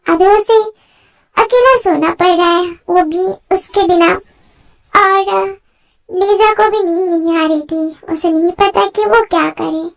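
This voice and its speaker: High, gravelly woman narrating a story. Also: takes it slowly. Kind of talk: fan-fiction dub narration.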